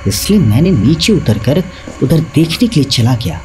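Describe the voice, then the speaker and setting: Male horror narrator, expressive lively pitch, dramatic telling, faint music bed. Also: moderate pace. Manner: animated, dramatic storytelling. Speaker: storyteller.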